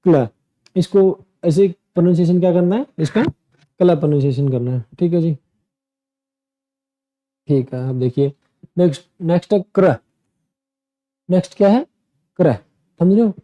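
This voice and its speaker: A man's voice: fairly high pitch, lively intonation, normal speed, pauses often, dark tone, dull audio. A man teaching pronunciation in a lesson, drilling word lists aloud and asking and answering his own questions. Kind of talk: screen-share lesson.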